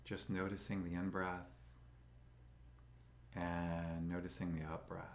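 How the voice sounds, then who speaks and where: Man, very low voice, gravelly, slow gentle meditation guide. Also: level tone, a little hiss or hum.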